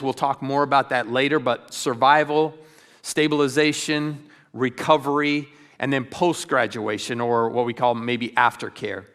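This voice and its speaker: A man's voice: medium pitch, fairly bright tone. A middle-aged man giving an earnest church training talk, telling stories with frequent ums and restarts. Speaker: ministry speaker.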